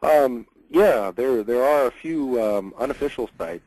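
A man's voice: mid-range voice, animated, a little slow, a little mellow, no room sound, rough recording. A man presenting as a hurricane scientist in a webinar, explaining earnestly with frequent fillers over a computer mic.

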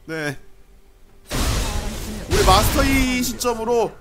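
A man doing live esports game commentary in an excitable manner, given to shouting at big plays. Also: very high voice, slow, music in the background. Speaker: esports commentator casting online matches.

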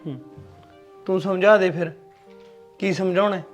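A man's voice: high-pitched, moderate pace, faint music behind, natural voice. An actor playing an exasperated, teasing husband arguing with his wife in a short film. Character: exasperated joking young husband.

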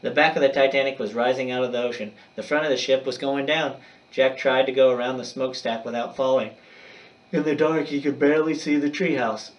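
Male teacher narrating a chapter book for young kids, mid-pitched, dramatic delivery, distant mic. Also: fairly quick, highs cut off. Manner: expressive, dramatic storytelling. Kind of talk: reading a chapter book aloud.

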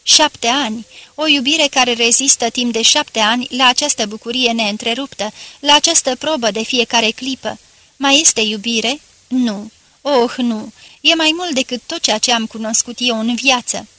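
Narrator voicing a radiant young wife, effusive, bright higher tone, storybook reading. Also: female voice, dry recording. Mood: rapturous. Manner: rapturous, effusive. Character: young woman, joyful, adoring wife.

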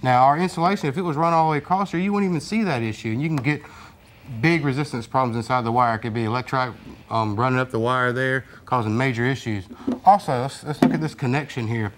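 A man's voice: medium pitch, fast, slight background noise. A man in his thirties, a technician and instructor, explaining repairs plainly in a large workshop on a lapel mic. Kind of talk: hands-on repair demonstration.

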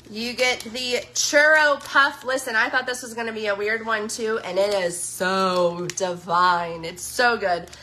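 A woman's voice: fairly high pitch, sharp tone, slight background noise. A woman chatting in a casual live stream, gushing over products she tries and saying "y'all" to her viewers. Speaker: social media influencer.

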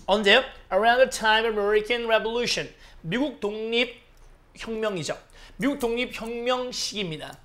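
A man lecturing on an English exam passage, explaining grammar and quizzing with short questions, and reading English lines slowly. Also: sits high, a bit bright. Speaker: English teacher.

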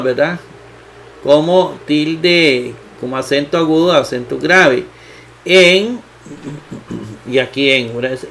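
A man walks through a grammar lesson in a slightly raised voice. He talks unhurriedly, repeating key terms, filling pauses with hesitations and checking in with rhetorical questions. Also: fairly high pitch, a bit bright. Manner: slow, repetitive, with many fillers and rhetorical questions. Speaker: Bible teacher.

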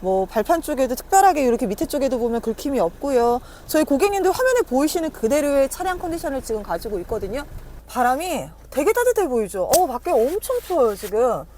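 A woman with a high voice pitches like a car dealer on a video walkaround. Her delivery swings animatedly and stays chatty and persuasive. There is clear background noise around her, as on location by a car. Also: big pitch swings, fast, a little mellow. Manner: chatty, persuasive, repeatedly addressing customers. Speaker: used-car dealer presenting a car. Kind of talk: casual sales walkaround to camera. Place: on location outside and inside a car.

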